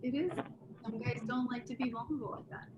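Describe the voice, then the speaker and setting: A middle-aged woman co-hosting a relationship talk show speaks quickly in a slightly high voice, earnestly explaining her point at length with examples in casual chat. The room is echoey with faint ambience, there is background noise, and the high frequencies are cut off.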